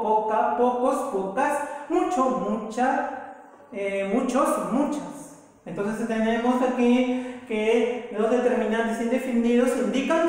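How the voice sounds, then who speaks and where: A woman's voice: on the high side, darkish tone. A woman from South America teaching a recorded grammar lesson, explaining patiently, repeating examples and checking in with the listener. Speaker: language teacher. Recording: echoey room with long reverb.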